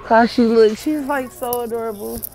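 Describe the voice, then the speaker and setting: A woman's voice: a little high, steady tone, normal speed, darkish tone. A woman filming a casual vlog in a pet store on a handheld phone, giggling and cooing at the animals while she talks to her viewers. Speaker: vlogger.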